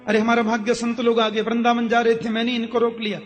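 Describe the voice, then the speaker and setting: Man putting on a scolding, sharp-tongued wife. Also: high-pitched, fast talker, big-room sound, faint music behind, close to an everyday voice.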